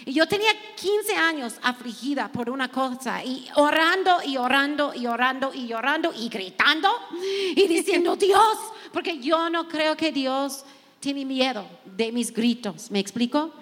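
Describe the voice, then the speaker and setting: A woman's voice: high-pitched, animated, moderate pace, fairly bright tone, big-room sound. A woman pastor, not a Spanish speaker, sharing heartfelt testimony and reading scripture to other women. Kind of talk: sermon-style sharing.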